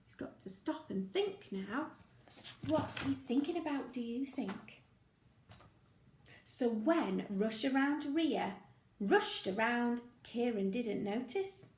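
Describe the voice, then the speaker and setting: This woman teacher's voice is a little high, and she reads slowly as she shares a picture story with young children. Playful and expressive, she uses sound effects and asks the listener questions. The space is reverberant, with slight background noise.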